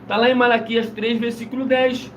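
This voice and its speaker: A man's voice: very high-pitched, level tone, normal speed, fairly bright tone, lo-fi sound. A man preaching in a loose, insistent live-stream chat, repeating himself as he goes. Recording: roomy, distant mic, faint noise.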